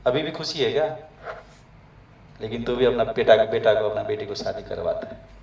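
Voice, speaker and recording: A Nepali preacher with a fairly low, creaky and slightly mellow voice gives a devotional talk to migrant workers at a moderate pace, repeatedly asking his listeners questions. He speaks to a gathering in a room abroad. The lo-fi recording is echoey and picked up from far off.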